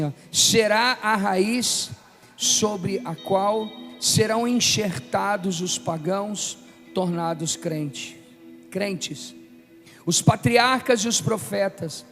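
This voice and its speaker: A Brazilian preacher in his fifties delivers a sermon in a high-pitched, declamatory voice over background music. He is emphatic, with deliberate pauses, reading scripture forcefully and drawing call-and-response at a live event. The large room gives a long hall reverb.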